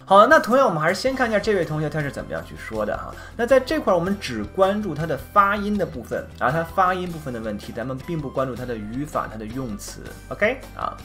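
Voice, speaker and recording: A woman's voice: sits low, sing-song, fast talker, few pauses, a bit bright, faint music behind. A woman teaching English speaking, explaining pronunciation errors with many coaxing tag questions. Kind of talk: online lesson with English examples.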